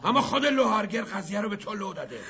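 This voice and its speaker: A man's voice: high-pitched, sing-song, muffled recording, heavily acted. An actor dubbing a desperate, vengeful gangster who holds a gun on his enemy. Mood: accusing. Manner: menacing, shouting, then pleading and bitter. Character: desperate vengeful gangster holding a gun, middle-aged man. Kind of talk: Persian film dub.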